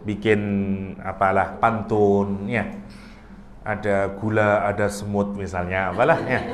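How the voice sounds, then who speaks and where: Man teaching Quran study in echoey room. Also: lowish voice. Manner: explains with everyday comparisons, chuckles at own jokes; stumbles and restarts words. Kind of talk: relaxed religious study talk.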